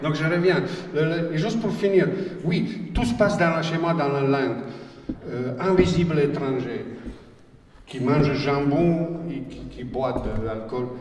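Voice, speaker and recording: A man from Bosnia with a Bosnian accent, telling personal stories on a panel in a halting, wry way, often repeating words. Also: a little high. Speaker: writer on a panel. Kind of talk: personal storytelling talk. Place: conference hall. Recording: roomy hall, distant mic, faint noise.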